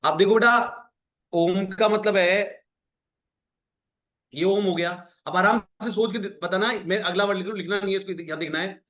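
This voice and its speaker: A man's voice: high voice, moderate pace, a bit bright, dull audio. A man teaching an online class, coaxing students, repeating each point and calling on them by name.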